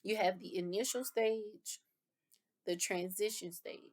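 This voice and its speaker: A woman's voice: mid-range voice, fairly even intonation, a little slow. A woman reviewing course material in a lecture, explaining terms and rephrasing them with casual fillers. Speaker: instructor.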